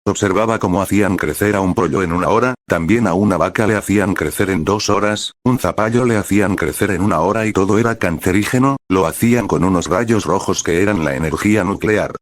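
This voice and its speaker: A man with a very low voice reads out a prophetic vision as a pastor would, slow and solemn, leaning into the dramatic moments. He is from Peru. The sound is dry, with no room echo. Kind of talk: scripted reading of a prophetic vision.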